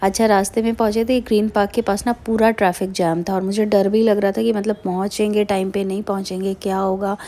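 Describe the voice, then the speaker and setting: A woman's voice: mid-range voice, little pitch movement, brisk, few pauses, dark tone. Chatty woman narrating her travel vlog. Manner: chatty, with many fillers and Hindi-English mixing. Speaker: vlogger mother.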